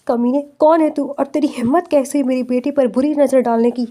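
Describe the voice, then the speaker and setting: A proud, hot-tempered businessman in a spoken storybook, read by a woman. The voice sits high with a dark, mellow tone. It is a plain reading. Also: steady tone, close to an everyday voice. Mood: furious. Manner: bewildered, then furious and shouting.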